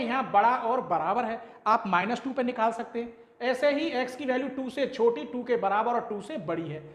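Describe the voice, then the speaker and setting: A man's voice: very high-pitched, a bit bright, echoey room. A man teaching maths, working through a problem step by step and quizzing students with rhetorical questions. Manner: dictates step by step, slowly spelling out symbols. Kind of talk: classroom maths lecture.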